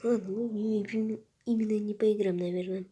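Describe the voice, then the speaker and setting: A woman with a hoarse, husky voice chatting casually as host of a gaming video, halting and often half-whispered. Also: medium pitch, steady tone, mellow. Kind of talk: casual gaming vlog chat.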